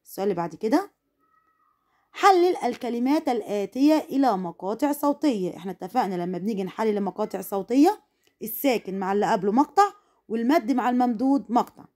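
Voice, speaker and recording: Egyptian woman teaching slow phonics. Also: fairly high pitch, expressive, mellow. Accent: Egyptian Arabic. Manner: slow, drawn-out syllable sounding with praise for pupils. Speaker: primary school teacher. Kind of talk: first-grade phonics lesson.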